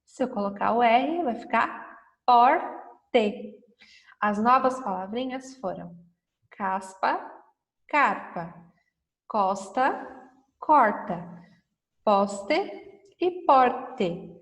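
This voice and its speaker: A woman teacher correcting a lesson for first graders, talking slowly and patiently, stretching out words and often checking understanding. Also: on the high side, lively intonation, fairly bright tone, big-room sound, recorded from a distance. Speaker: primary school teacher.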